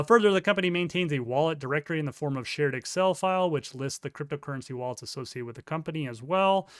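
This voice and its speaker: A man's voice: a little high, a bit bright, smooth, no echo, studio quality. A man giving casual commentary while reading court documents aloud, with sarcastic, incredulous asides. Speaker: crypto news commentator.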